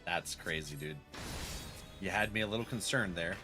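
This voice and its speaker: A man's voice: low voice, moderate pace, music in the background. A man doing casual, slangy gameplay commentary, reacting and joking to himself as he plays. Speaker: video game streamer.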